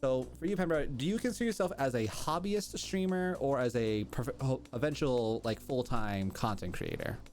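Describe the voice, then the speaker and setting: A man's voice: mid-range voice, moderate pace, hardly any pauses, a little mellow. A man hosting a podcast in casual interview chat, wordy and effusive. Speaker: podcast host. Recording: music behind the voice. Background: background music.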